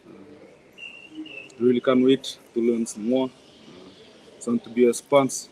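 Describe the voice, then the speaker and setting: A man from Fiji with a warm, mellow voice introduces himself to the group. He speaks politely and pauses often with "uh". His talk is plain and grateful in tone. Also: mid-range voice, level tone, rough recording. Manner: hesitant, polite. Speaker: professional dancer. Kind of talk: casual introduction.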